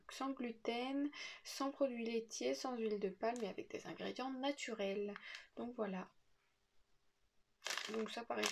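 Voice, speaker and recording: A woman's voice: a little high, vocal fry, very noisy. A woman casually unboxing a snack box on her vlog, hesitant and full of fillers as she reads the labels. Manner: hesitant, many "euh" fillers, unsure reading labels. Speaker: unboxing vlogger.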